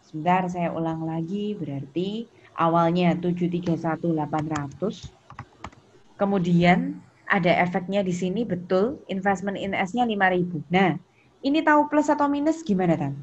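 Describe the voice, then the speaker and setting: An Indonesian woman with a lowish, slightly mellow voice teaches an accounting lesson online at a normal pace, sounding animated as she questions students by name, repeats key points and prompts them. The audio is muffled and lo-fi, with background noise.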